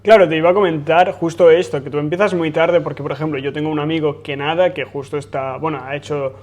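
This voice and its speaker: Male podcast host, a bit high-pitched, friendly and conversational. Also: steady tone, fast, darkish tone. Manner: friendly, asks long framed questions. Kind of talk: conversational interview hosting.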